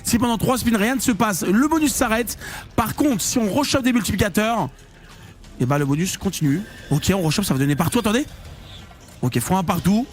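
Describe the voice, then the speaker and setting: A man commentating his live slot-machine stream, slangy and excitable, swinging between low muttering and loud hype. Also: a little fast. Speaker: online casino streamer.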